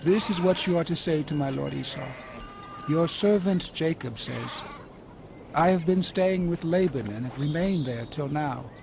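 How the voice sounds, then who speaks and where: Jacob, an earnest, higher-voiced patriarch. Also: male voice, measured pace, vocal fry, background noise. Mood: humble, instructing. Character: Jacob, anxious humble herdsman patriarch pleading and commanding. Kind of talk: Bible audio drama acting. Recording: music behind the voice.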